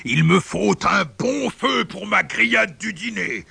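A gravelly bellowing giant showman. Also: sits high, animated, takes it slowly, no room sound, pitched above the performer's own voice, exaggerated voice. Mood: gruff. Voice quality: gravelly, raspy shouting. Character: huge fierce bearded male puppet-theatre director. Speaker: storybook character.

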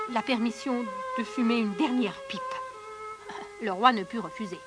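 High-voiced woman telling a fairy tale. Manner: expressive, hushed then rising for drama. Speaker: storyteller. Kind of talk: storybook narration.

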